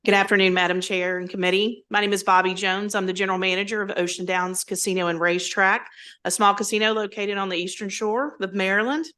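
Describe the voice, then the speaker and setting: A woman giving prepared testimony as a public witness, hesitant with frequent pauses. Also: medium pitch, fairly even intonation, bright, forceful tone, smooth. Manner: hesitant, many ums.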